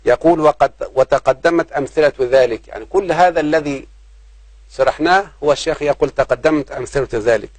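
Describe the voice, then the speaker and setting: A man's voice: fairly high pitch, a little fast, dry recording, rough recording. A man teaching a grammar lesson. He repeats key points and poses rhetorical questions to the class. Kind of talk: grammar lesson explaining a text.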